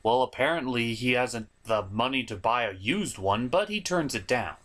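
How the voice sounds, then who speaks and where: A mid-range male voice at normal speed narrates a script for a comedic review show. The host plays it big, animated and theatrical, with exaggerated mock exasperation.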